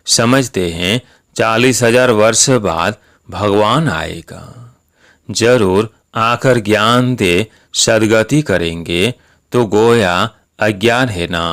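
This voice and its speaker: A man reading a spiritual discourse aloud in a calm, measured, instructive way. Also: on the low side. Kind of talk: slow devotional sermon reading.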